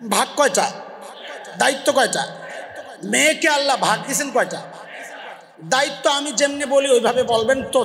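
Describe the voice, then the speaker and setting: A man preaches a waz in a very high, sharp, forceful voice. He drills the crowd with questions and makes them repeat the answers. His voice rings through a roomy space with a long reverb tail. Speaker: Islamic preacher. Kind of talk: Bengali waz sermon with call-and-response.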